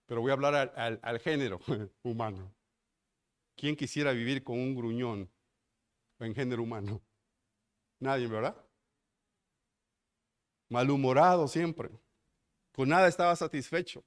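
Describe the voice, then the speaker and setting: A pastor with a Mexican accent preaches a sermon emphatically, filling it with rhetorical questions aimed at the congregation. His mid-range voice moves at a measured pace with long pauses.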